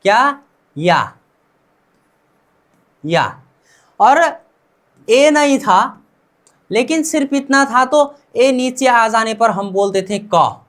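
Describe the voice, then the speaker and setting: A woman's voice: a little high, slow. A woman with an Indian accent teaching Korean pronunciation in Hindi, repeating each word many times and asking her students questions before giving the answer.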